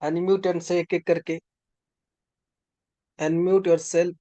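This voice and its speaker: A fervent male preacher leading prayer over a video call, his voice set a little high. He talks slowly and commandingly, with sudden bursts of speaking in tongues, and the sound is dry with no room echo. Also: little pitch movement, mellow. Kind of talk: charismatic sermon with prophecy and prayer.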